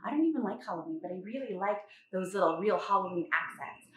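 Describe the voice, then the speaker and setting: A woman's voice: mid-range voice, lively intonation, fast talker, very echoey, recorded from a distance, a little hiss or hum, poor audio. A woman hosting a live decorating tutorial, chatty and bubbly, laughing often as she works. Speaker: holiday decorator and host. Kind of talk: live-stream tutorial chat. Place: decorating studio.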